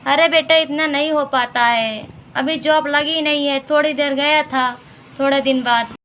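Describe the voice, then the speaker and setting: A man's voice: very high-pitched, fairly even intonation, a little slow, highs cut off, a little hiss or hum. A woman voicing a sleepy, grumbling village dad. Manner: pleading, tired grumbling. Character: poor village father, sleepy and easygoing.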